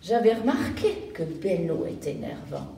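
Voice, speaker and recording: A woman's voice: medium pitch, sing-song, a little slow, gravelly, mellow. A woman voicing a curious little girl on her first school day in a read-aloud story. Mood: eager. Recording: roomy room, distant mic.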